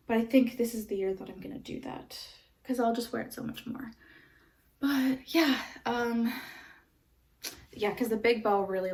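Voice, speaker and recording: A woman's voice: medium pitch, creaky, a little mellow, far from the mic, slight background noise. A woman vlogging casually about her knitting, rambling with lots of fillers and sounding stuffy from a runny nose. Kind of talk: casual show-and-tell chat.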